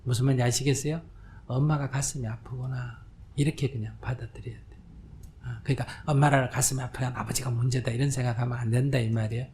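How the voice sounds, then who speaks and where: A man's voice: mid-range voice, little pitch movement, fast, warm tone. Older male monk, Q&A dharma talk in a hall, chatty, checks in with listeners, faint room noise. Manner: conversational, often checks listeners understand; acts out quoted voices, drops to whispers. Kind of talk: question-and-answer dharma talk. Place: lecture hall with audience.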